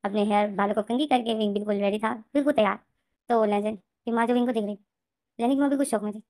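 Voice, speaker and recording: A woman retelling her own fan-fiction story in a rapid, repetitive narration. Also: medium pitch, dark tone, no room sound, clean studio sound.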